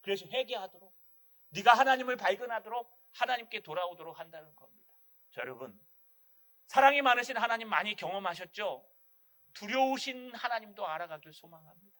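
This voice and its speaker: Male pastor, Gyeongsang accent, high bright voice, animated sermon delivery. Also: fairly quick. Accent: Gyeongsang dialect. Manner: animated preaching, acts out quoted voices. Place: church sanctuary.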